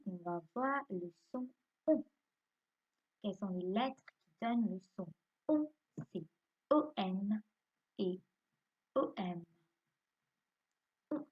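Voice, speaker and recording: Female primary teacher at home, slow and patient, husky voice, dull lo-fi sound. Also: medium pitch. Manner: slow and patient, quizzing pupils then answering herself. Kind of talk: phonics lesson, spelling words letter by letter.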